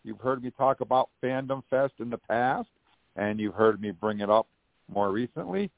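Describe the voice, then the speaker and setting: A man's voice: mid-range voice, normal speed, creaky, dry recording. An American man hosting a live call-in fan podcast with a folksy showman's way of presenting. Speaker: podcast host. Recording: dry, narrow phone-like podcast audio.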